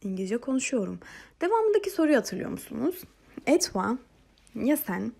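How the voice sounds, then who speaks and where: Gravelly, breathy woman teaching French. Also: on the high side, sing-song, warm tone. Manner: patient, repeats phrases slowly for learners. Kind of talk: language lesson narration.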